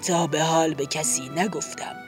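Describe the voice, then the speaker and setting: A woman voicing a gentle old male grizzly bear posing as a neighbour, speaking slowly, softly and hesitantly. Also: deep voice, steady tone, soft background music, pitched below the performer's own voice, lightly acted. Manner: slow, soft and hesitant.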